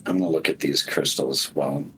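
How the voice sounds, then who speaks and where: A man's voice: very deep voice, fairly even intonation, brisk, a bit bright, slight background noise. A man playing in a tabletop game, speaking tersely and dryly in character. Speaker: player.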